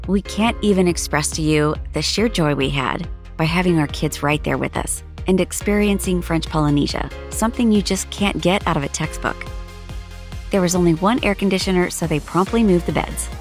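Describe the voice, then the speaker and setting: Brief: middle-aged woman, cheerful travel-vlog narrator, slightly low voice. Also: moderate pace, a little mellow, faint music behind. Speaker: vlogger narrating a sailing trip. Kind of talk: scripted voice-over narration.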